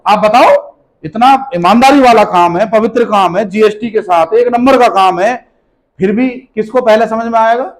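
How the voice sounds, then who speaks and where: A man whose voice sits high speaks at a moderate pace over poor audio. As a motivational business speaker in a seminar hall, he challenges the live crowd with rhetorical questions, scolds them, and drives his points home by repeating key phrases.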